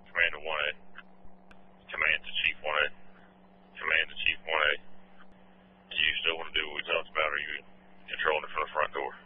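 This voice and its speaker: Male incident commander, urgent firefighter radio delivery: flat, very deep, clipped orders, narrow two-way radio sound. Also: a little fast, pauses often. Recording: noisy, narrow-band two-way fire radio.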